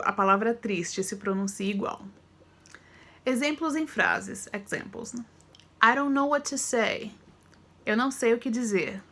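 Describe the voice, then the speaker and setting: Bright, slow-speaking woman teacher. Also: mid-range voice. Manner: clear, deliberate word-by-word reading. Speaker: English teacher. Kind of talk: online English lesson.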